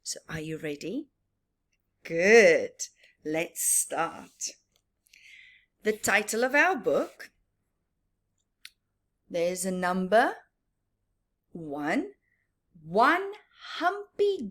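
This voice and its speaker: Reading to young children, a woman speaks very slowly with frequent pauses, her mid-range voice fairly bright and highly animated. She teaches in a singsong way, repeating words and answering the questions she puts to her listeners.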